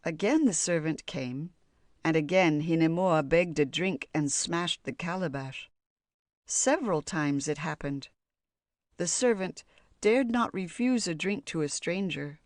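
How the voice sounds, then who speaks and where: A woman narrating a children's fairy tale audiobook in a calm, measured storybook voice. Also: low voice, no echo, studio quality.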